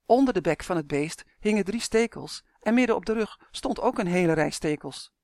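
An audiobook reader calmly narrating a children's story. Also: mid-range voice, moderate pace, no echo, studio quality. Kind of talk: scripted narration.

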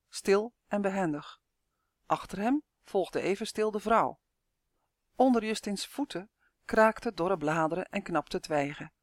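A narrator reading a children's novel aloud in a steady, even storytelling manner. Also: medium pitch, no room sound, clean studio sound. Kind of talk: audiobook narration.

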